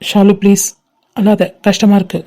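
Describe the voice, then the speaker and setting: Woman doing a hurt young guy in a cartoon, dark mellow tone, keeps saying please. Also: mid-range voice, completely flat delivery, moderate pace, close to an everyday voice. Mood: firm, sad. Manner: pleading, repeats please. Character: heartbroken young man refusing his love. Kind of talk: fan cartoon voice acting.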